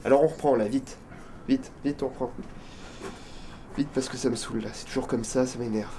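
A man's voice: mid-range voice, steady tone, a little fast, background noise, close to an everyday voice. A young man playing an impatient, crude film director in a student short film, barking orders and swearing. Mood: irritated. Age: young adult.

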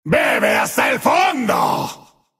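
Speaking extremely slowly, an actor plays a demonic, murder-happy party clown in a video game, using a cackling, raspy, gravelly voice with a Latin American Spanish accent. His heavily acted delivery mixes singsong taunts, manic shouts, and sudden low growls with big pitch swings. Some chatter can be heard behind him, and the mood is gleeful menace.

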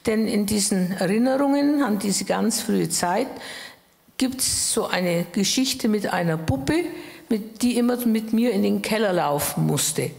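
Around eighty and from Bohemia in the Czech Republic, this woman is a guest on stage in a wood-panelled hall, recalling personal memories in conversation through a handheld mic. Her mid-range voice is gravelly and a little mellow, with lively intonation and a slightly slow pace. She is thoughtful, pausing hesitantly and correcting herself, and the hall gives an echoey sound.

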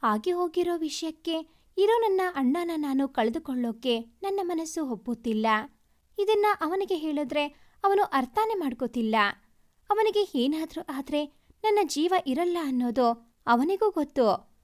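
A woman story reader narrating in the first person, heartfelt and emotional in her delivery. Her voice sits high, and her pitch moves widely through each sentence. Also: normal speed. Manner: heartfelt and expressive, reads with feeling.

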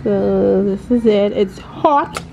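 A woman's voice: mid-range voice, slow pace, gravelly, music in the background. A woman travel vlogger chatting casually to the camera. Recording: noisy on-the-go travel audio.

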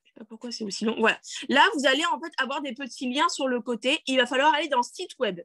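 A woman's voice: high voice, fast, fairly bright tone, dry recording. A woman leading a screen-share tutorial on a video call, chatty and full of fillers, checking in with her listeners often. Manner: chatty, many fillers and restarts, checks in with "d'accord?"; self-deprecating, laughs at her own English. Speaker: network marketing team leader.

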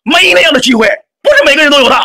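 A man arguing in a heated online debate, shouting and near tears, agitated, repeating himself. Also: extremely high pitch, very animated, rapid-fire, dry recording. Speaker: livestream debater.

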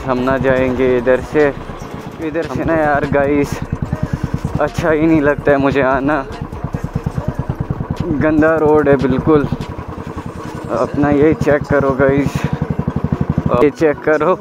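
A young man narrating a motorcycle ride to camera, excitedly calling out to his viewers as he weaves through city traffic. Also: mid-range voice. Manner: excited, addresses viewers as guys. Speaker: motovlogger. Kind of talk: riding commentary to camera. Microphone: helmet or body-mounted camera mic while riding. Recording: windy road noise from a moving motorcycle. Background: loud traffic and engine noise.

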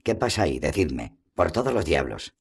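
An excitable young bard frets aloud with agitated, pleading questions, put on by a man reading a storybook. The voice sits low and dark beneath the agitation. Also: normal speed, creaky, husky, heavily acted.

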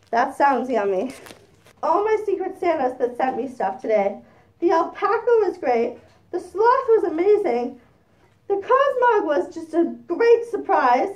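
A woman vlogger chatting excitedly while unboxing gifts, talking through a costume head. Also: very high voice, muffled recording. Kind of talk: casual unboxing chat.

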